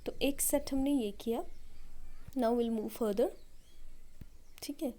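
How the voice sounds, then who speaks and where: Indian woman teaching slow English phrases. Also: fairly high pitch, warm tone. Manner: slow, deliberate English example sentences between quick explanations. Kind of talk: bilingual language lesson.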